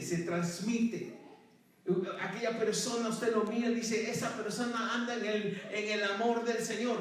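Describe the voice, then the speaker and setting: A male pastor preaching a sermon to his congregation, often calling them "hermano" and breaking into praise. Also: high voice. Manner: calls out to the congregation, repeats "hermano" and praise phrases. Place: church sanctuary. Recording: very echoey church hall from far off.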